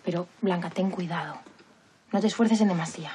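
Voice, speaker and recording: An actress playing a worried, caring young lady in a period TV drama, speaking formally and gently with a Castilian accent. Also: on the low side, brisk, a little hiss or hum, close to an everyday voice. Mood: gentle concern. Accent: Castilian Spanish. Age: young adult.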